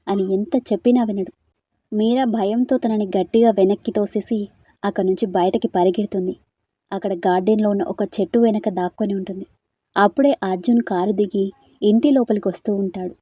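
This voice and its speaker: Mellow woman storyteller, dry sound. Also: mid-range voice, fairly even intonation, a little fast, breathy edge, no echo. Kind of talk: audio story narration.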